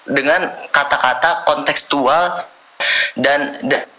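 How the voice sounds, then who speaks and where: A man defending himself in a heated debate, hesitant and stammering as he is cut off. His voice is bright and slightly high. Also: takes it slowly. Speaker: debate guest.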